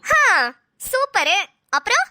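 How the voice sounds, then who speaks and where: Woman playing a sharp-tongued young wife, scolding and defiant, very high bright voice. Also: big pitch swings, slow pace, no room sound, studio quality, faint music behind, heavily acted. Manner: scolding, confrontational.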